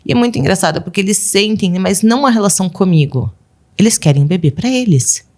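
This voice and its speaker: A woman's voice: mid-range voice, lively intonation, quick pace, darkish tone. A woman in her thirties, a podcast guest and mother of twelve, telling casual stories and acting out her children's voices with frequent laughs. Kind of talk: casual storytelling interview.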